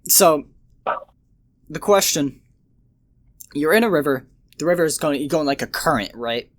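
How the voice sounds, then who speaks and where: A man's voice: on the high side, animated, normal speed. A man hosting a podcast in casual chat, playfully posing silly hypothetical questions. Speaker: podcast host.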